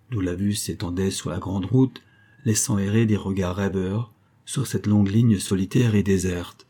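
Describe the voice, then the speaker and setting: Husky, dark-voiced male storyteller. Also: lowish voice. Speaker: narrator. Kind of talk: scripted audiobook narration.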